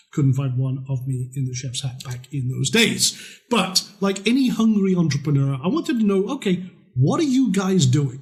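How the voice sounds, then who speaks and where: Blunt, chatty middle-aged man. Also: a little high. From Scotland. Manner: chatty, blunt, with mild swearing. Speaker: trading course presenter. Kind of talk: conversational sales pitch.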